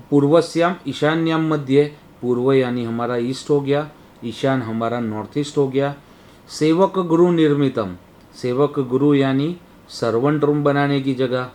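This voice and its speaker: हिंदी में पढ़ाता हुआ वास्तु शिक्षक, आदमी. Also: male voice, medium pitch, darkish tone. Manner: explains step by step, often asking "right?". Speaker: Vastu teacher. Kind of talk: webinar lecture.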